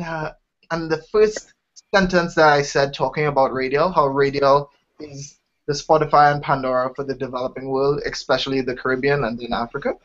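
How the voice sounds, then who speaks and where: His voice is fairly high and fairly bright as this young Trinidadian interview guest enthusiastically recounts how his startup began, frequently starting his sentences over. It's casual interview talk captured in dull, lo-fi sound.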